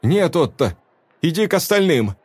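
A man reading a story aloud voices a desperate young woman who shouts through tears at a cowering crowd. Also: low voice, big pitch swings, normal speed, breathy edge, no echo, voice pushed up, exaggerated voice. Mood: defiant. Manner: shouting, tearful, defiant.

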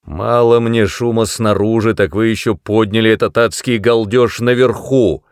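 A man's voice: lowish voice, steady tone, moderate pace, clean tone, no room sound, clean studio sound, pitched above the performer's own voice, lightly acted. A man voicing a furious, domineering middle-aged father who bellows in anger. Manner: roaring, raised voice.

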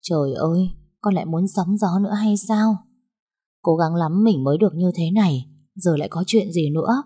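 A woman's voice: fairly low pitch, normal speed, warm tone, breathy edge. A woman voicing an anxious, protective elderly mother who pleads with her daughter. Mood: worried.

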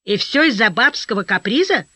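A woman reading an audiobook, voicing a burly, gruff male army officer who barks and then talks bluntly and kindly. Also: a little high, expressive, moderate pace, no echo. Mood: blunt reassurance. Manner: barks, then softens into blunt fatherly talk. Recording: dry, slightly dull audio.

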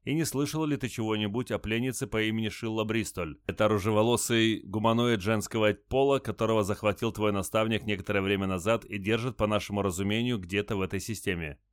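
A man's voice: on the low side, steady tone, fast talker, few pauses, clean tone, dry recording, studio quality, natural voice. A man voicing a stern, commanding starship captain in an audiobook. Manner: firm, commanding.

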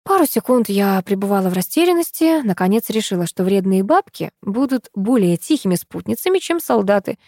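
A woman's voice: medium pitch, fairly quick, few pauses, dry recording. Dry-sounding woman narrating an audiobook. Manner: lively, ironic storytelling. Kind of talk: first-person audiobook narration.

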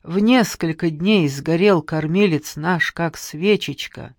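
A narrator voicing a tender, pious old nanny who soothes slowly with folksy endearments. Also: mid-range voice, no room sound, clean studio sound. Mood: grieving. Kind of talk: audiobook character reading.

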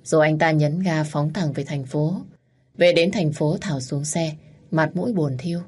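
A woman narrating an audio story in a steady, matter-of-fact way. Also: low voice, normal speed, slightly rough, faint music behind.

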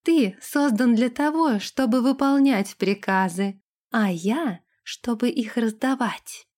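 A woman's voice: a little high, slow pace. A woman voicing a spoiled, imperious young princess who snaps and gives orders in an audiobook. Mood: commanding. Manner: haughty, sharp-tongued, commanding. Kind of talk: audiobook character voice.

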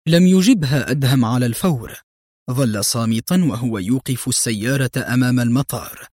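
A man's voice: medium pitch, fairly quick, a little mellow, no echo. Man narrating a thriller, dry close sound. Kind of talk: dramatic audiobook narration.

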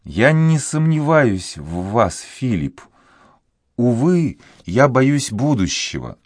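A man's voice: medium pitch, big pitch swings, takes it slowly, no echo, clean studio sound, pitched above the performer's own voice. A man doing a sad young girl, raised voice. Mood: pleading. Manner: sad, pleading, soft-spoken. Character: sorrowful sixteen-year-old girl in love.

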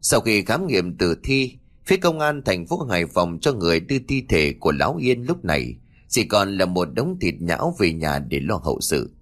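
A man reading a ghost story aloud in a dramatic, expressive manner. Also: deep voice, normal speed. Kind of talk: scripted ghost story narration.

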